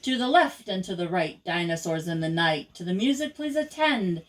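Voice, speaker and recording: With lively intonation in a lowish voice, an older woman reads a children's rhyme aloud, keeping the measured, rhythmic cadence of a grandmother's storytime.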